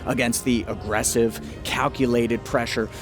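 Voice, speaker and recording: A man breaks down fights as a commentator. He is informal, slangy and enthusiastic, with a medium-pitched voice. Faint music plays behind him. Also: flat delivery, a little slow. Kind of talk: casual sports analysis and commentary.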